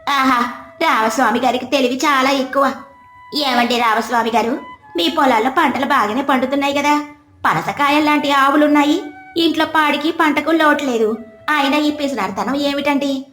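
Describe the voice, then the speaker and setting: A woman's voice: high voice, steady tone, normal speed. A woman voicing an outspoken village neighbor woman who talks bluntly and teases. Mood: blunt teasing. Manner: direct, teasing. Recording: roomy with soft background music.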